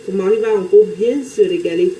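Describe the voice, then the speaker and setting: A woman's voice: medium pitch, a little fast, mellow, echoey room, slight background noise, poor audio. A woman from Cameroon with a Cameroonian French accent, chatting casually with viewers on a live stream while cooking in her kitchen, greeting people by name. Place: home kitchen.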